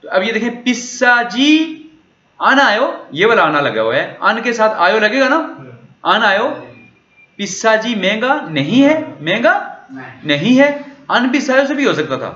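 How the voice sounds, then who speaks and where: A man lectures with a high, bright voice, walking through a dialogue line by line. He keeps posing questions and answering them himself. The recording is roomy and somewhat muffled. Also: big pitch swings, measured pace. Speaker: language teacher. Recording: echoey room, dull lo-fi sound.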